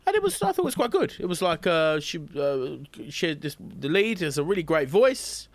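A man's voice: fairly high pitch, sing-song, moderate pace, no echo. A man co-hosting a podcast, chatting casually with wry, rambling musings full of hesitations. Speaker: podcast co-host. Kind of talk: casual chat.

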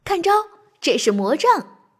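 Woman doing a cheeky little girl for a storybook, bright and bouncy, a bit breathy. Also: a little high, sing-song, normal speed. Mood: playful. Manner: cheerful and mischievous. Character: playful, bold little girl.

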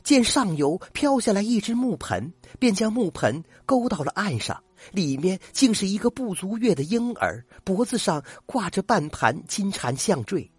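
Old man voicing a gentle young woman in disguise. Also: mid-range voice, sing-song, moderate pace, few pauses, breathy edge, no echo, voice pushed up. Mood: sorrowful.

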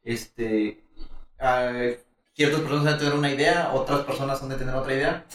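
A man's voice: mid-range voice, a little fast, fairly bright tone. Hesitant man in a very echoey room. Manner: hesitant, many fillers while framing questions. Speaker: podcast host. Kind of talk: casual interview chat. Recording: very echoey room, far from mic.

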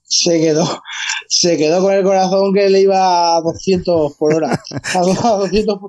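A man in casual podcast chat, halting and repeating his words. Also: high voice, steady tone, a little mellow. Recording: dull lo-fi sound.

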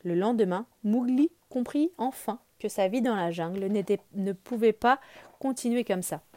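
A woman storyteller reads a children's tale aloud. Her delivery is lively and expressive, rising with the action. The recording is close and dry, with no room sound. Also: medium pitch, moderate pace, no echo.

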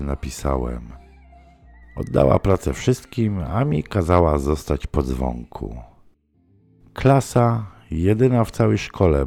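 A man narrating a first-person story in a slow, deliberate, dramatic reading. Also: very deep voice, gravelly, a little mellow, no echo.

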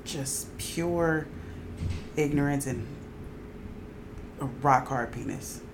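Very low-voiced sarcastic woman. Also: drawn-out words, background noise. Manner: sarcastic quips, acts out quotes. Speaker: podcast co-host. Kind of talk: casual chat.

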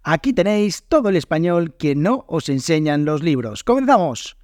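A man's voice: fairly high pitch, animated, normal speed, darkish tone, no echo, studio quality. Chatty man with a Spain accent. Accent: Spain Spanish. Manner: chatty, explains with acted example phrases. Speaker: podcast host and Spanish teacher. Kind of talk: unscripted podcast lesson.

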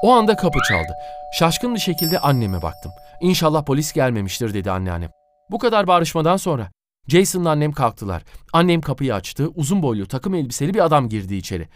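A man narrating a scripted animated story in an expressive, dramatic manner. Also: a little high, a little fast.

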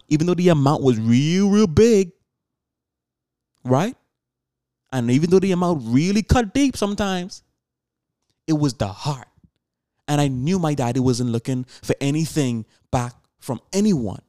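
A man's voice: on the high side, mellow, dry recording, studio quality. A seventeen-year-old man hosting a solo podcast, talking earnestly and preachily to his listeners with rhetorical questions, often restarting and repeating words. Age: teens. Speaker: podcast host.

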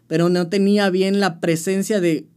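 Smooth and darkish, his high voice stays level at a moderate pace. The young Mexican-accented musician tells his story casually in an interview, using slang and often starting over.

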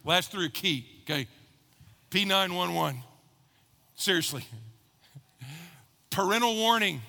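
A man's voice: sits high, expressive, takes it slowly, gravelly, pushed and bright. A middle-aged male pastor preaching a sermon in a church, playful and joking with his congregation. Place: church sanctuary. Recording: long hall reverb.

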